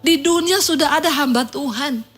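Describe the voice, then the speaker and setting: A woman preacher plays the old patriarch Abraham, firm and matter-of-fact as he turns down a plea. The voice stays high, over a faint bed of music. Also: moderate pace, fairly bright tone. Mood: stern.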